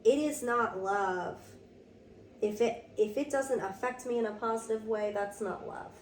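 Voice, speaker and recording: Slightly hoarse woman in an echoey room. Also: a little high, measured pace. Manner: reflective, earnest, frequent "like" fillers. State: slightly hoarse from a sore throat. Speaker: podcast co-host. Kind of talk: casual conversational chat. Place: room with door open to rain. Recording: roomy echo, mic at a distance, faint background noise.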